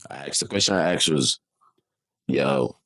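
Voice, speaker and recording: A young man from Nigeria hosting a podcast, asking questions in casual chat and agreeing with his guest bluntly and with energy. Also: rumbling low. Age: young adult. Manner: animated, blunt, quick to agree. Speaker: podcast host.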